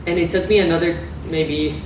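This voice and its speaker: A woman's voice: low voice, fairly even intonation, moderate pace, noisy background. Woman lecturing in an echoey hall. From Romania. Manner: conversational, many fillers and self-corrections. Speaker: guest lecturer. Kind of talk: academic lecture. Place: lecture room. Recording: echoey room from far off.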